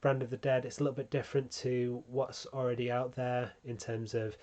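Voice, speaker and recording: A man's voice: medium pitch, fairly quick. A man hosting a branding tutorial, talking casually with frequent ums and small restarts. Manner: relaxed, many ums, self-correcting. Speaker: channel host teaching branding.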